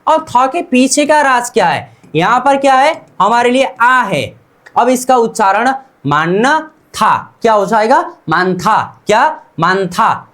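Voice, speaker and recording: A teacher taking a beginner class through pronunciation at an unhurried pace. The voice sits at a middle pitch and keeps circling back with quick self-posed questions, repeating each sound several times so it sinks in. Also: animated, fairly bright tone. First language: Hindi. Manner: slow and deliberate, drills by asking "what?" and answering itself. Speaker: Korean language teacher. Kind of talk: beginner language lesson.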